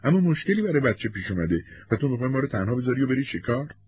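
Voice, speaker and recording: A man's voice: medium pitch, big pitch swings, highs cut off, voice pushed up, natural voice. A man voicing a young wife who pleads and insists, in a storybook reading. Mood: upset.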